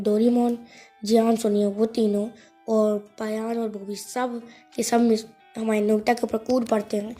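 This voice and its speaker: A woman's voice: medium pitch, dark tone. A woman with an Indian accent casually narrating a fan-made cartoon story, chatty and rambling, correcting herself. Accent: Hindi-speaking Indian. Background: faint background music.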